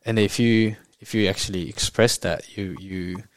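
Low-voiced Japanese man, halting podcast guest. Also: steady tone. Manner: halting, repeats phrases, Kiwi slang. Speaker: podcast guest, rugby player. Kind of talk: casual interview chat.

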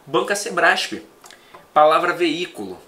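A man who teaches for exam prep, chatting in a relaxed conversation and telling animated stories. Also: fairly high pitch, measured pace. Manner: animated storyteller, acts out quoted students. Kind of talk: casual podcast conversation.

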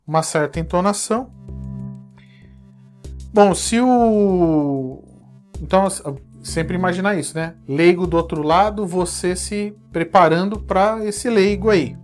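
A man with a Brazilian accent giving a casual spoken lesson in a conversational way, often ending phrases with a questioning tag. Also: a little high. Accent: Brazilian Portuguese. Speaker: teacher giving advice on online courses.

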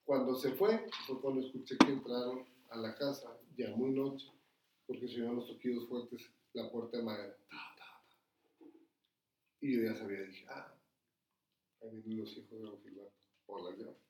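A man's voice: mid-range voice, fairly even intonation, normal speed. Profane Mexican man telling a story. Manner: profane, fills nearly every phrase with slang tags. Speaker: podcast storyteller. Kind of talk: casual storytelling among friends. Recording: roomy echo, mic at a distance.

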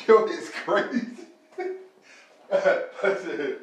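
A man's voice: high-pitched, very slow, far from the mic. A man in casual chat, boisterous and laughing through the banter. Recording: echoey room, off-mic, faint noise.

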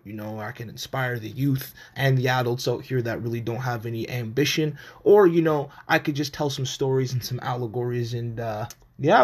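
Male podcast host, medium pitch, casual and blunt, slangy, sweary solo storyteller with an animated ranting delivery.

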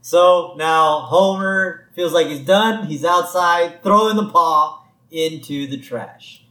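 A man's voice: a little high, slow, sharp tone, reverberant, poor audio. A man co-hosting a podcast, casually recapping a cartoon episode and musing aloud with questions about it. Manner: muses aloud and asks questions about the plot. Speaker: podcast co-host.

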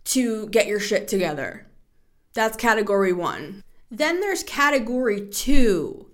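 Woman, short of breath, casual podcast monologue, slow delivery, chatty. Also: medium pitch. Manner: chatty and rambling, with frequent "like" fillers. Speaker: podcast host.

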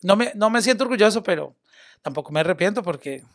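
High-voiced man chatting casually. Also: fast talker. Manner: animated, loose, sprinkles English words. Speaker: media personality and former radio host. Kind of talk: casual podcast chat.

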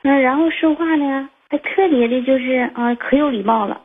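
A woman's voice: high-pitched, normal speed, husky. A woman, calling in and telling a personal story in a rambling way, full of fillers and restarts. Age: 20s. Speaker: caller. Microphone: phone. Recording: tinny phone line.

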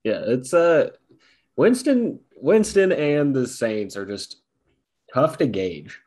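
A man's voice: medium pitch, sing-song, slow, a little mellow. A man co-hosting a sports podcast, talking loosely and in a rambling, self-deprecating way. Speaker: podcast co-host. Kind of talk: casual sports talk.

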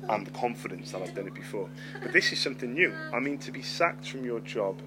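With a mid-range voice, lively intonation, and fast delivery, a middle-aged host spins a story on his podcast against loud music in a rough recording. His speech features a lisp, a stammer, plenty of swearing, and repeated words.

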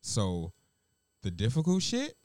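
A man's voice: mid-range voice, wildly swooping pitch, slow, darkish tone, dry recording. A man who works as a chef, chatting casually and bluntly with lots of swearing and laughter. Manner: blunt, profane, laughing often. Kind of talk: casual chat.

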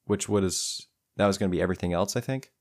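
A man's voice: deep voice, fast, darkish tone. A man running a tabletop game as game master, chatty and laughing often.

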